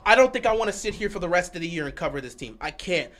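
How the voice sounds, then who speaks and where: A man ranting on a live fan stream, sliding from quiet grumbling into shouting. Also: high-pitched, very animated, fast. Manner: frustrated ranting, swings from quiet muttering to shouting. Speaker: fan streamer commentating a game.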